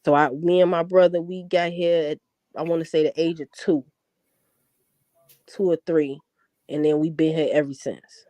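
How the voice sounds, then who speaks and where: A woman's voice: sits low, flat delivery, moderate pace, long pauses, dark tone, no room sound. Chatty chicago lady w a little southern twang, laughs a lot, dry close sound. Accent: Chicago with a Southern tinge. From born in Florida, raised in Chicago. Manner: chatty, laughs a lot, repeats words when starting. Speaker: guest. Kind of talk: casual chat.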